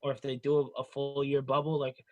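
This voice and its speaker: A man's voice: medium pitch, completely flat delivery, a little fast, a little mellow, dry recording, muffled recording. A man co-hosting a casual sports chat, rambling loosely with lots of filler words. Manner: rambling, filled with "you know" and "like". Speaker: co-host.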